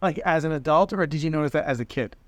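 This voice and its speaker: Excitable higher-voiced male co-host. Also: quick pace, no echo. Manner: excitable, rambling with many restarts. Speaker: podcast co-host. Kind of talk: casual chat.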